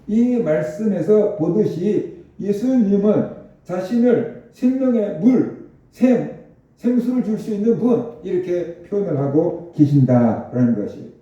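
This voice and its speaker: A man's voice: high voice, expressive, unhurried, mellow, very echoey, distant mic, muffled recording. A male pastor preaching a sermon, explaining Scripture and asking the congregation rhetorical questions. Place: church sanctuary.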